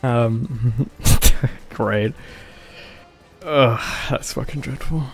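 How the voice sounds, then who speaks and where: Drawing out his words in a medium-pitched voice, a gaming livestream host chats casually, sounding hesitant and mumbly and swearing freely. Faint game music runs behind him.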